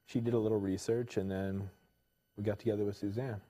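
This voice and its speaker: A man's voice: fairly low pitch, little pitch movement, brisk. A man, a painter and illustrator, answering interview questions modestly and with hesitation. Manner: modest, hesitant, soft-spoken. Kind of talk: casual interview chat.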